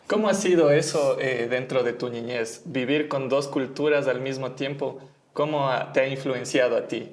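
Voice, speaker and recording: This is a man co-hosting a casual online interview. His voice sits at a middling pitch. He talks in a friendly way, and his questions ramble a little. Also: moderate pace. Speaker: co-host.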